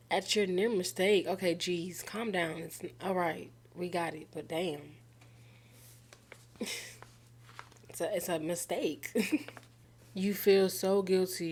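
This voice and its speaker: A gaming streamer with a lowish voice reads a game's text aloud and reacts casually, with slang and disbelief. The recording has a little hiss or hum.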